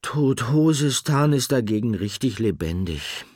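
A man voicing a small, excitable female furry animal with a squeaky, piping voice in an audiobook. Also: unhurried, slightly rough, no room sound, studio quality. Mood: plaintive. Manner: excitable and dramatic. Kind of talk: audiobook character voice.

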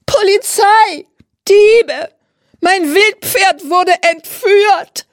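A woman's voice: mid-range voice, expressive, moderate pace, a little mellow, slightly rough, dry recording, studio quality. A woman reading a children's audiobook, voicing a vain, boastful lady who owns horses and turns to shrieking. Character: vain shrill horse-owning society lady. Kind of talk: audiobook character voice.

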